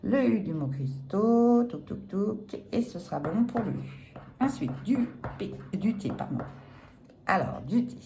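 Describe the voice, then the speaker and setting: A woman talks through a scratch-off ticket letter by letter in a slow, unhurried way. Her voice is soft and dark rather than bright. A faint hum of room noise sits underneath her chatty, self-mocking commentary. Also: medium pitch, creaky. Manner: chatty, self-deprecating, apologetic laughs. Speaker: lottery scratch card vlogger. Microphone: phone or camera filming the ticket.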